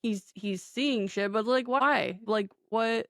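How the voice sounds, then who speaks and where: A woman's voice: fairly high pitch, slow, a bit bright, dry recording. Woman co-host, casual film recap, "like"-heavy and swears, dry close sound. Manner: chatty, swears freely, heavy use of "like". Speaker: podcast co-host. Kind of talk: casual movie recap chat.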